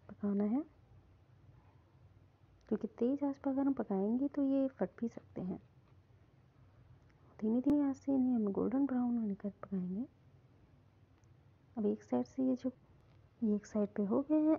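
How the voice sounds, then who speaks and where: Lady walking through a recipe at home, bit high and gravelly, dull lo-fi sound. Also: moderate pace, long pauses. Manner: calm, instructive, repeats "hum" often. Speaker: cooking channel host. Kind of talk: step-by-step recipe voice-over. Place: home kitchen. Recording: dull lo-fi phone audio.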